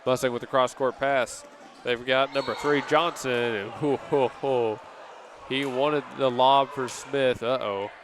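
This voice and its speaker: A man doing casual play-by-play commentary on a high school basketball game for a local radio stream, with easy asides between plays. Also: background noise. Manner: steady play-by-play, casual asides and quick self-corrections. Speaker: play-by-play announcer.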